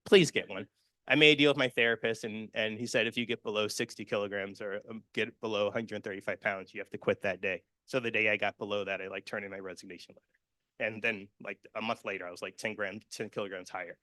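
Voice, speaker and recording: Male conference speaker, earnest and personal, bright tone, dry close sound. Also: on the low side, fairly even intonation, fast, no echo. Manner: earnest and personal, many fillers and restarts. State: emotional, near tears. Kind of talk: conference presentation with slides.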